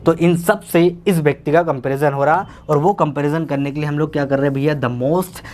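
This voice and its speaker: A man's voice: a little high, fairly even intonation, a little mellow. Man teaching English grammar in Hindi. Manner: explains slowly, repeats and translates each example; calls viewers "bhaiya".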